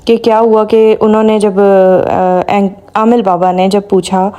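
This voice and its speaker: A woman vlogger talks straight to her audience in an easy, chatty commentary. Her voice is mellow and warm, sitting at an ordinary middle pitch. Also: little pitch movement. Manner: chatty, addresses viewers directly. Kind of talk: casual commentary to viewers.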